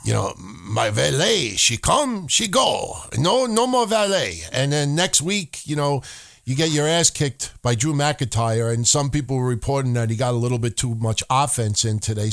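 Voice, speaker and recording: On a wrestling podcast, this medium-pitched male co-host keeps the talk loose and profane, cursing freely with plenty of animation. Now and then he breaks into jokey broken-English voices.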